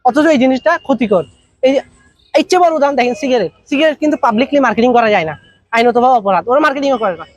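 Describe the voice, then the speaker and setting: A man with a Bangladeshi Bengali accent lectures at a breakneck pace in a strikingly high voice. He teaches the way he would chat, piling up rhetorical questions and everyday examples. The sound is close and dry, with no room in it. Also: rapid-fire, no room sound. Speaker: business trainer. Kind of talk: workshop lecture.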